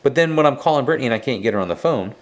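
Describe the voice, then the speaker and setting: Lively, teasing middle-aged farmer. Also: male voice, mid-range voice, very fast. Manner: playful, teasing storyteller. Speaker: farm show co-host. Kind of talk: casual storytelling chat.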